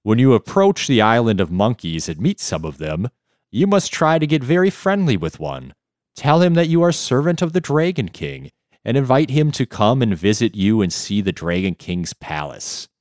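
A man's voice: mid-range voice, big pitch swings, normal speed, darkish tone, dry recording, clean studio sound, pitched above the performer's own voice, close to an everyday voice. Man reading as a cunning palace steward, coaxing and scheming. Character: wily, scheming male chief steward.

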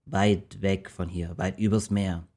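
A gruff ship's captain in a rhyming storybook, as a man reads him aloud. He barks urgent orders in a lowish, mellow voice. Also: little pitch movement, unhurried. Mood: matter-of-fact. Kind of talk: storybook reading in rhyme.

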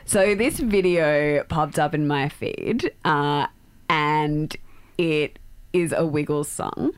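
A woman's voice: sits low, slow, clear, resonant tone. A woman hosting a podcast, talking in a loose, chatty way with lots of fillers. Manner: chatty, uses many fillers, laughs easily. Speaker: podcast host. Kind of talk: casual chat.

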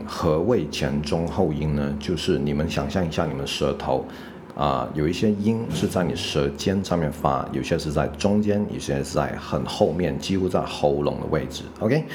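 Deep-voiced Taiwanese Mandarin teacher. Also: male voice, normal speed, noisy background. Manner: mixes English fillers like OK and right into Mandarin; explains patiently, with frequent check-ins. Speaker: English pronunciation teacher. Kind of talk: casual spoken lesson.

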